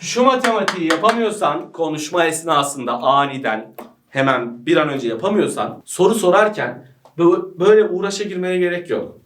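A man's voice: fairly high pitch, moderate pace, a bit bright, a little hiss or hum. A man teaching English to a group of friends, joking and teasing as he explains. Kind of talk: playful group lesson banter. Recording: echoey room, mic at a distance.

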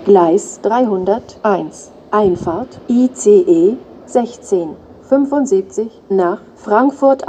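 A woman making flat platform announcements as a station announcer, in a measured, segmented delivery. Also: mid-range voice, a little hiss or hum.

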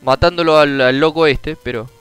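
A young man with a Rioplatense Spanish accent giving casual commentary on a retro game, frustrated, swearing often and bursting into shouts. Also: on the high side, moderate pace, smooth, dry recording, soft background music, low-quality recording. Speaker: gameplay streamer.

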